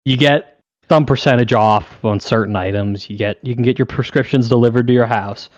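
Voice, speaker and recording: A young man co-hosting a podcast, telling a story in an animated, profane way. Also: medium pitch, fairly quick, dry recording, lo-fi sound. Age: young adult. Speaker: podcast co-host.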